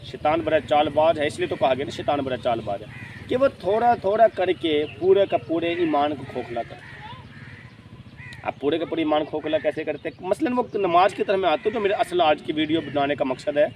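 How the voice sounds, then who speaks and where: A man's voice: a little high, expressive, brisk, a little mellow. A man hosting a religious lecture, emphatic and repetitive, asking and answering his own questions. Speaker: host, spiritual lecturer. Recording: distant mic, faint outdoor noise.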